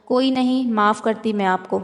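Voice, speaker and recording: A woman's voice: a little high, faint music behind, lightly acted. A woman voicing a shy, innocent young woman in love in a read-aloud romance novel, complaining in a childlike way. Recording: long hall reverb.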